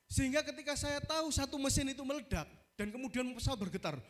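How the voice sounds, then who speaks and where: A male pastor with an East Javanese accent preaching a sermon, telling a story in a lively way and often calling out to the congregation. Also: very high-pitched, quick pace.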